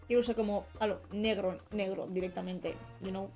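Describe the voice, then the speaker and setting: A woman's voice: mid-range voice, steady tone, moderate pace, warm tone. A young woman streamer chatting casually while she draws, rambling and trailing off as she works. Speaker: streamer and illustrator. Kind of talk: casual live-stream chat while drawing. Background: faint background music.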